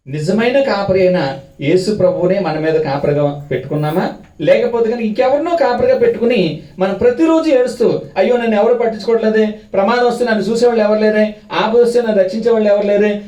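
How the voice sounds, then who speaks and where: A man's voice: sits high, mellow. A man preaching a sermon with fervor, firing off rhetorical questions one after another. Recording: echoey hall, mic at a distance.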